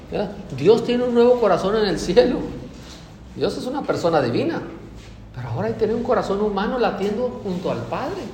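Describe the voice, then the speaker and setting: A man preaching a sermon, emphatic and rising to loud declarations, often checking in with the congregation. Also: sits high, a little hiss or hum. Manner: frequent tag questions to the congregation. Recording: echoey hall with faint ambience.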